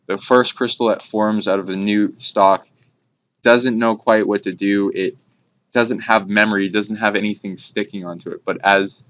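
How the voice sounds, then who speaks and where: A man with a low monotone rambles through a casual spiritual discussion on esoteric topics, speaking in halting, trailing phrases with abstract jargon. The recording is dull and lo-fi, with clear background noise.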